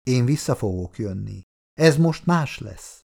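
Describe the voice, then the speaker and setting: A man voicing Ellison, a hushed, fragile wife. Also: mid-range voice, expressive, gravelly. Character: fragile, unstable woman confiding secrets to her husband. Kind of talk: audiobook character reading.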